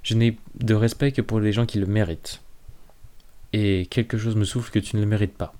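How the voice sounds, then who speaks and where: Brief: a blunt, defiant young heroine, read by a man in his own low, dark voice. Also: fairly even intonation, moderate pace, natural voice. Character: fierce young woman apprentice, wounded and defiant.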